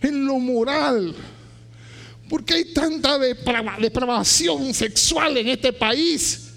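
A man preaching a sermon with fervor, often shouting rising questions, then dropping low, with many restarts and repeated words. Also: takes it slowly, vocal fry.

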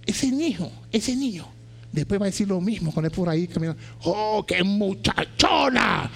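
A man preaching a sermon with fervor, often shouting rising questions, then dropping low, with many restarts and repeated words. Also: lively intonation, quick pace.

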